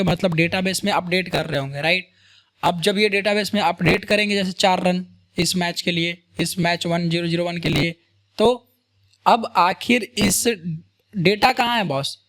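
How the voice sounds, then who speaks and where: A man's voice: high-pitched, a bit bright. A man teaching a programming lesson in a casual, conversational way, often checking in with his viewers with "right?" and "boss?". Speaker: programming tutor. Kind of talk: screen-recorded coding lecture.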